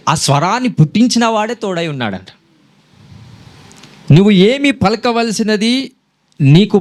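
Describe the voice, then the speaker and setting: A man preaching a sermon, quizzing the congregation and mixing in English phrases. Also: high voice. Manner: animated preaching, quizzing the congregation, switching between Telugu and English.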